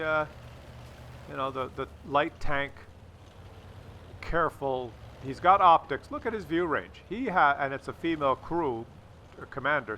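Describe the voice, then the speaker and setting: Faint game noise underlies a man's pushed, bright, medium-pitched voice as he hosts a gaming video. He narrates the replay casually with wry sarcasm, teasing remarks and crude joking.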